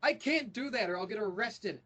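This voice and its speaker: A man's voice: high-pitched, lively intonation, fairly quick, pushed and bright. A young man co-hosting a podcast, chatting casually and ranting with a lot of profanity. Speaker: podcast co-host. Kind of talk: casual chat.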